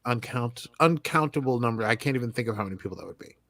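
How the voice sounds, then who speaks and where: On a casual TV recap podcast, a male co-host rambles through an episode in a chatty way, full of loose asides and hedges like "like" and "whatever." His mid-range voice is expressive, quick, and a bit bright, with no echo.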